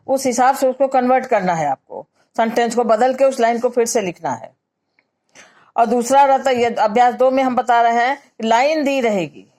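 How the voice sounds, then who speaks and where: A woman with a Hindi accent teaching grammar in a patient lecture, saying example sentences slowly and then explaining each one. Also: on the high side, a little mellow.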